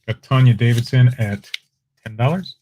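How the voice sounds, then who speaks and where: A man's voice: mid-range voice, moderate pace, slight background noise. A man running a casual live-stream auction, chatting with viewers as he shows items and calls bids. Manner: chatty, relaxed, talks to viewers in chat.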